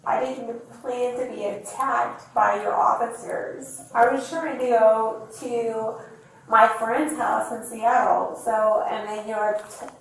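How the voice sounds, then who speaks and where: A woman's voice: fairly high pitch, steady tone, slow. An argumentative, indignant woman who swears and makes demands while detained by police, caught on body cam audio. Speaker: person being detained by police. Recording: echoey, distant body cam with faint noise.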